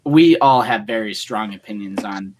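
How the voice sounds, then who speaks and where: A man's voice: lowish voice, expressive, normal speed, a little mellow, slight background noise. A man co-hosting a casual livestream, talking in long rambling runs full of fillers. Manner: rambling, filler-heavy, enthusiastic fan talk. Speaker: co-host.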